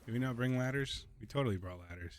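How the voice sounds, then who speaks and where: A man's voice: mid-range voice, fast talker. A man giving casual, sarcastic let's-play commentary as he plays, talking to himself. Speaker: gaming video host.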